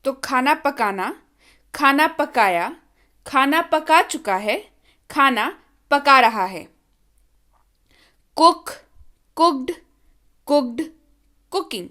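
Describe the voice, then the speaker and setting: A woman teaching an English lesson, reciting verb forms in a steady chant and patiently explaining pronunciation. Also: high voice, takes it slowly, long pauses. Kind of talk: slow, drilled vocabulary lesson.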